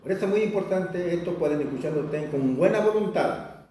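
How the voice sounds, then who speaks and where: Old guy teaching a class, rambles and repeats words, kinda high voice, mic far away in a big echoey room. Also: lively intonation, mellow, slight background noise. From Chile. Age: older. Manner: rambling, repeats words, slow deliberate stretches. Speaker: Mapudungun teacher. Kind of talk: informal class talk. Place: community cultural center.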